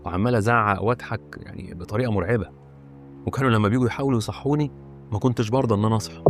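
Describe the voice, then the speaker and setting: A man in his thirties with an Egyptian accent, retelling his own eerie experiences in a casual first-person way. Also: fairly low pitch. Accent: Egyptian Arabic. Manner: rapid, conversational retelling. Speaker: horror channel host.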